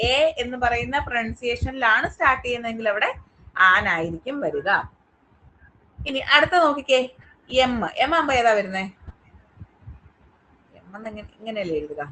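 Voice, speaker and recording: A woman's voice: on the high side, bright, forceful tone, low-quality recording. A woman teaching an online English class with a Malayali accent, asking her students question after question to check they follow. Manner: asks the class many quiz questions, checking understanding.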